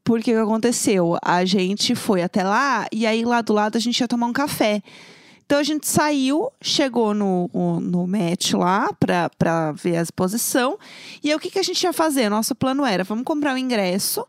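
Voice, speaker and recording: A Brazilian woman with a high voice co-hosts an easygoing conversation. She recounts stories expressively, with quick asides and quoted lines. The recording is close and dry. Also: dry recording. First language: Portuguese. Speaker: podcast co-host. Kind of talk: casual chat.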